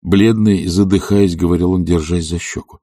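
A man narrates a novel in a calm, even voice. His pitch sits very low. The recording is dry and close. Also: moderate pace, no room sound. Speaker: audiobook reader. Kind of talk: scripted narration.

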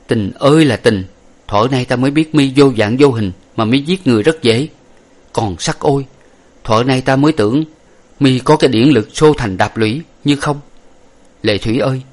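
A man voicing a brave young hero who laments loudly and blames himself. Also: medium pitch, pitched above the performer's own voice, lightly acted. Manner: lamenting, declamatory. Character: brave young male hero, grieving and self-blaming.

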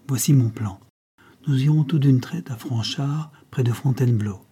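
A man reading the part of a tall, thin, shifty male trader who talks gruffly and in a hurry. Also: mid-range voice, moderate pace, warm tone. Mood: scheming.

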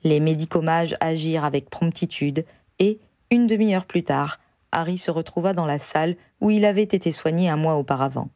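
A woman reading a fan novel aloud in a measured, even narration. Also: deep voice, no room sound, studio quality. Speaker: audiobook reader. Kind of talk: storybook narration.

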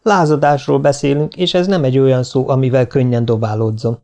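A man voicing a female mission commander, firm and deliberate. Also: mid-range voice, steady tone, mellow, natural voice. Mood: resolute.

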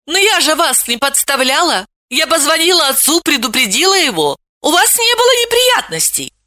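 Woman doing a bratty young woman, high and shouty, bright voice. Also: sing-song, normal speed, dry recording, studio quality, full character voice. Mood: defiant, brash. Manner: loud, exclamatory, cheeky. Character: brash young woman, defiant and provocative. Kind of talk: audiobook character voice.

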